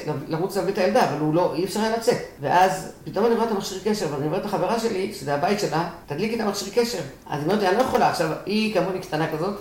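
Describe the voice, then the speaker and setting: A woman's voice: low-pitched, a little hiss or hum. Older woman telling a war memory, roomy. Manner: emotional storytelling, acts out quoted shouts. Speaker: interviewee. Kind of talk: recounting a personal war memory.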